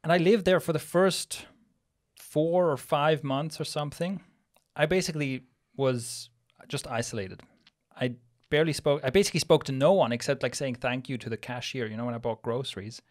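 A man's voice: medium pitch, normal speed, a little mellow. Man from switzerland, thirties, podcast co-host, reflective, thinks aloud, studio mic. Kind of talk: casual podcast conversation. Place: small studio room with plant wall. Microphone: studio mic on boom arm, headphones.

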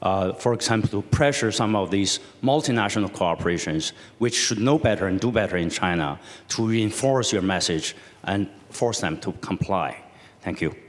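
A man's voice: on the low side, normal speed, long reverb tail. A man in the audience asks a long, winding question at a conference, restarting once midway. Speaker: audience member asking a question. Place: large lecture hall.

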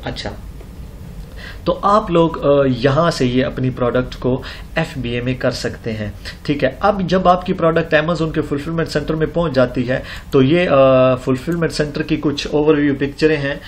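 A man's voice: a little high, normal speed, slight background noise. A man narrating a screen-recorded seller tutorial, explaining step by step with many fillers and check-ins. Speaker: online seller tutorial host. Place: indoors at computer, voice-over on screen recording.

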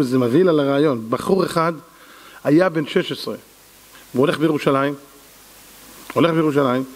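A man giving a rabbi's lesson, telling stories in an animated way and turning to his audience as he goes. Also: fairly high pitch. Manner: animated storyteller, voices quoted people, addresses audience as "gentlemen". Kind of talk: storytelling sermon. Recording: reverberant hall.

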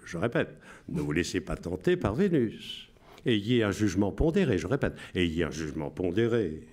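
A solemn wartime radio announcer, put on by a man in his seventies, declaims coded messages in a raised, lively voice. Each short phrase comes out measured and emphatic, then is repeated word for word. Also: deep voice. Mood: declaiming.

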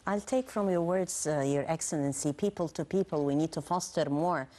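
A woman's voice: low voice, normal speed, warm tone. A middle-aged woman, hosting a formal television interview with hesitant phrasing. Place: indoor television studio.

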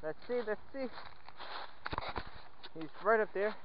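A man chatting casually and playfully while metal detecting outdoors in the woods, excited over each find. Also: high voice, takes it slowly. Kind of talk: casual outdoor vlog commentary. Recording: dull lo-fi outdoor audio with faint wind noise.

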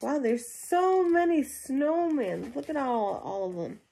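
Slow, expressive, and creaky, with a high-sitting voice and dark tone, a young woman reads a picture book to children. She works in simple questions and asides while sitting in a small room at home.

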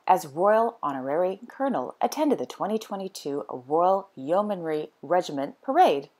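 A woman hosting a daily royal news roundup, reading scripted items with chatty asides. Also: fairly low pitch.

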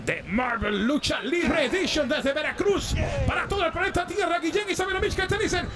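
A man's voice: very high voice, a little fast, over music. A man working as a wrestling commentator, calling lucha libre live with showy exclamations and short, punchy catchphrases. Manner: theatrical, exclamatory showman delivery in short bursts. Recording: loud arena crowd behind the voice. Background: cheering crowd.

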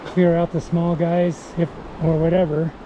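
A man with a slightly high voice talks through his fly fishing in an easy, explanatory way, now and then talking to himself. He is recorded on a head-mounted camera out on a river bank. Loud rushing water runs under every word. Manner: calm, explanatory, talking to himself between casts. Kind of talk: casual narration while fishing. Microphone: head-mounted action camera. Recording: outdoor camera audio with loud river noise. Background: rushing stream water.

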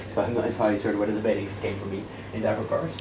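Racing along in a lowish, level voice, a Dutch native in his thirties runs a casual debate workshop. He pokes fun at himself, restarts often and leans on fillers, walking and gesturing as he lectures interactively in a classroom with a projector screen. The audio, taken by a distant camera, is echoey and noisy.

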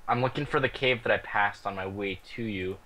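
A man's voice: lowish voice, fairly quick, pushed and bright, low-quality recording. A young man playing along as a guest in a gameplay video, laid-back with short, terse replies. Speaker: guest co-player. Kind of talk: gameplay chat.

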